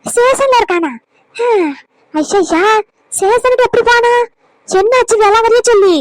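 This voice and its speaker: A woman playing a meddling neighbour who pries into a family quarrel and scolds with sharp, rapid questions. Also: extremely high pitch, dry recording, rough recording. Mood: scolding.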